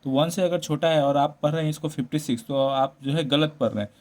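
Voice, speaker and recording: This maths teacher talks fast, his voice on the high side with a darkish tone. Working through the lesson step by step, he blends English number words into his Hindi and frequently uses tag questions to check understanding.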